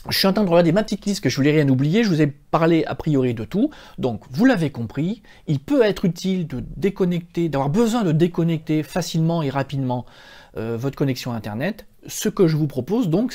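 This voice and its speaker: A man's voice: fairly high pitch, warm tone. A man hosting a computer tutorial, explaining each step on screen in a chatty way with many fillers. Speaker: computer help tutorial host. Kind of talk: screen-recorded software tutorial.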